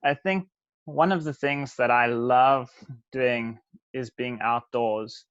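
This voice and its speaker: A man giving a relaxed, reflective impromptu speech at a club meeting. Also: medium pitch, slow, smooth, no room sound, dull audio. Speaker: meeting participant answering a table topic.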